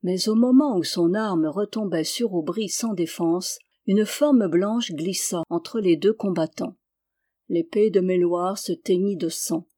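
Female audiobook narrator, measured storyteller, warm mellow tone. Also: fairly low pitch. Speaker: audiobook reader.

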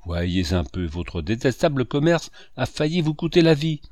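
A man voicing a gentle but firm village priest, in a grave, measured reading. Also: medium pitch, big pitch swings, no echo, studio quality, lightly acted. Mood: stern. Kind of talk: audiobook character reading.

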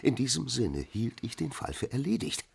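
An actor playing a cold, rigid middle-aged aristocratic husband in a radio drama, speaking stiffly and curtly, with outbursts of shouting. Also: male voice, medium pitch, big pitch swings, moderate pace, gravelly, husky, full character voice. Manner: stiff and curt, erupting into shouting.

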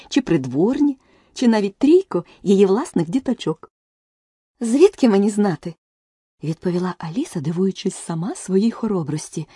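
A woman narrating a children's storybook in a lively, expressive reading. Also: deep voice, slightly rough, no room sound, clean studio sound. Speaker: audiobook narrator.

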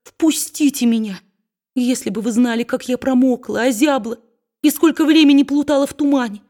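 A woman's voice: sits high, normal speed, dark tone, pitched above the performer's own voice, natural voice. A woman voicing a meek, trembling young wife. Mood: pleading. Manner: trembling, pleading. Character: timid, meek young wife, tearful and pleading.

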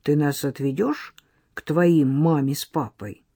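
A woman's voice: sits low, fairly even intonation, a little slow, dark tone, slightly rough, no room sound, clean studio sound, exaggerated voice. A woman reading an audiobook voices a wary, blunt young boy who looks after his sister. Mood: gruff. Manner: blunt and grumpy. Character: wary, gruff young boy, older brother.

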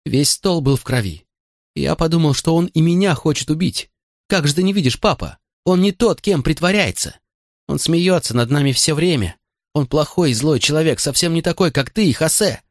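A man's voice: on the high side, expressive, normal speed, no room sound, clean studio sound, pitched above the performer's own voice. A man reading an audiobook voices a frightened young boy who pleads through tears with his stern father. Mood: pleading, tearful. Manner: sobbing, pleading. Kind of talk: audiobook character voice.

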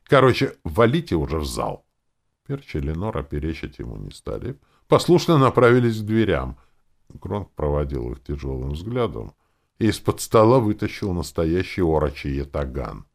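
Deep-voiced expressive male audiobook reader. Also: moderate pace, vocal fry. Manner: expressive, voices every character. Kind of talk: audiobook narration.

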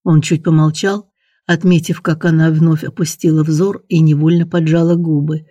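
A man reading a romance novel aloud in an even, measured audiobook narration. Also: fairly high pitch, no room sound, studio quality.

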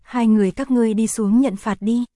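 A woman's voice: a little high, steady tone, brisk, dark tone, no echo, clean studio sound, close to an everyday voice. A woman voicing a cold, commanding nobleman who gives curt, stern orders, in an audiobook.

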